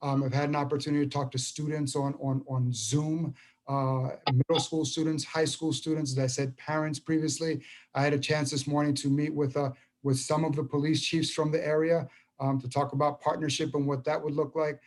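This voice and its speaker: Speaking to a public meeting by video call, a fifty-something school superintendent stumbles through, repeating words and starting over. His pitch is fairly high and his tone stays level.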